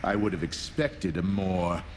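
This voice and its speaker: A man's voice: deep voice, fairly even intonation, measured pace, slight background noise. An actor playing a wry, cool male adventurer in a video game, with a dry, unruffled manner. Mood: dryly amused. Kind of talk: video game character acting.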